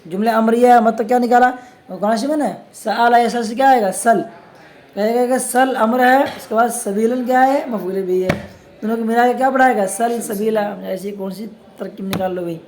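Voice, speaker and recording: A man teaching a religious studies lesson on scripture grammar. He constantly puts questions to his students and answers them himself, reads Arabic passages slowly, and adds casual teasing asides. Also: very high voice, darkish tone.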